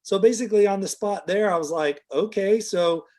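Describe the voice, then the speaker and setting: A man's voice: high-pitched, fast talker, darkish tone. A middle-aged man telling a long, casual story as an interview guest, full of fillers, and livelier when he quotes other people.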